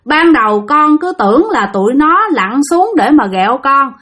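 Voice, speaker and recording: A woman's voice: high-pitched, big pitch swings, moderate pace, a bit bright. A woman voicing a frantic young man, calling out in panic as he pleads for help.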